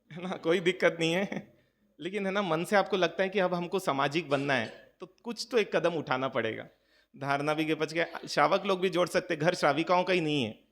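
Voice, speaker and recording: A man's voice: fairly high pitch, a bit bright. A man preaching as a Jain monk to a gathering, talking casually, joking and throwing rhetorical questions at his listeners. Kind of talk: conversational sermon to a gathering. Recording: long hall reverb.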